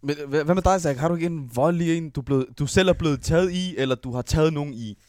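A man co-hosting a podcast who asks his friends questions and tells a story at a measured pace. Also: on the high side, darkish tone, no room sound, clean studio sound. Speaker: podcast co-host. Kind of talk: casual chat.

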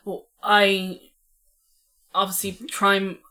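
A young woman with an Irish accent chats casually. Her voice is bright and sharp at a middling pitch. She tells anecdotes with animation and easy slang. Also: monotone, slow. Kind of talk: casual chat.

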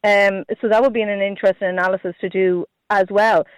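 A man's voice: high voice, level tone, quick pace, clean tone, no room sound, rough recording. A man with a west of Ireland accent answering as a politician in a radio interview, hesitant and repeating himself. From Galway, Ireland. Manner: hesitant, repetitive, heavy use of "you know" and "like". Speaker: politician, party representative.

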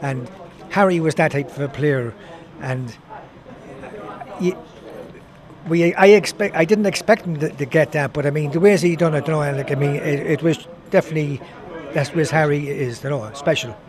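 A man's voice: a little high, normal speed. An older Irish man reminiscing in a rambling, conversational way, telling anecdotes as a former footballer. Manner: rambling, conversational, repeats himself. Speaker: former footballer being interviewed.

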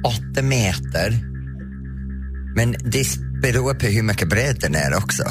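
A man's voice: on the low side, animated. A man hosting a casual radio show, teasing and boasting playfully as he competes in a quiz. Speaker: radio host. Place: radio studio. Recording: radio broadcast with music underneath.

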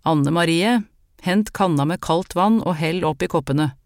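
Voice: mid-range voice, slight background noise, lightly acted. An audiobook reader voicing a stern old woman folk healer who gives brusque, matter-of-fact orders. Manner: gruff, matter-of-fact commands. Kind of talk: audiobook character reading.

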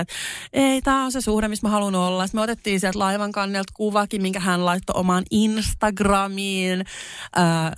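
A young woman with a Finnish accent, mixing in English words, co-hosting a podcast and telling a story in casual chat, her voice jumping high when she gets indignant. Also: smooth, no room sound, clean studio sound. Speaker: podcast co-host.

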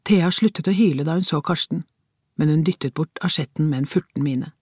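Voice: medium pitch, darkish tone, breathy edge, no room sound. Audiobook reader with a dry, close sound. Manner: measured storytelling, tense inner questions. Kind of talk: scripted audiobook narration.

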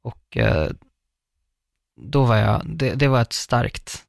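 A young man chats casually and tells a personal story at length. He rambles, circles back and leans on fillers, in a middle-pitched voice. The sound is dry and close, with no room echo. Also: expressive, gravelly. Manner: rambling, filler-heavy, warmly anecdotal.

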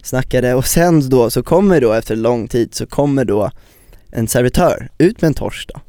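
Guy co-hosting a chatty podcast, animated storyteller, mid pitch, dry close sound. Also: dry recording. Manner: lively storyteller who acts out quotes. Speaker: podcast co-host. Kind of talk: casual podcast chat.

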